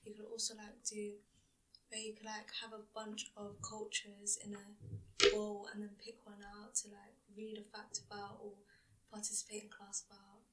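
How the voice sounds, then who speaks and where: A woman's voice: medium pitch, completely flat delivery, moderate pace, far from the mic, noisy background. A teenage female student chatting casually in a school podcast, with frequent "like" fillers. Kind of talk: casual discussion.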